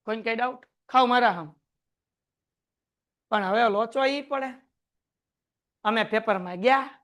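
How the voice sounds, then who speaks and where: A man teaching a class, lively and joking as he quizzes his students. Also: very high voice. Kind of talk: classroom lecture.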